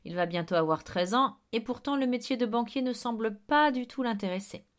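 A woman reading an audiobook, voicing a blustering middle-aged man in a wheelchair who barks and gets excited. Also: a little high, a little fast, close to an everyday voice. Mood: eager. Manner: barking, excitable, bossy.

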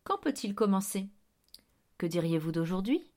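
A woman reading an audiobook, voicing a sinister male headmaster who speaks softly, almost in a murmur, without emotion. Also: mid-range voice, very animated, moderate pace, lightly acted. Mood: cold. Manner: soft, near-whispered, emotionless. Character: cold, soft-spoken sinister male headmaster.

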